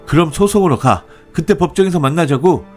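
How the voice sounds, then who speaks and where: A man's voice: on the high side, animated, a little fast, a little mellow, faint music behind, voice pushed up, lightly acted. A man voicing a wronged young daughter-in-law who talks back sharply and indignantly. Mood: defiant.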